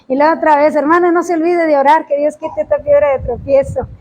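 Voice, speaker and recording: A woman preaching a sermon, impassioned, often rising to shouts and drawing out words for emphasis. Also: sits high, flat delivery, brisk, dull audio.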